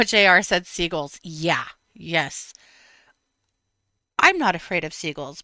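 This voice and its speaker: Woman in her 50s, host, bright lively read, chatty storyteller who breaks into laughs. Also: lowish voice, no room sound. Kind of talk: casual storytelling chat.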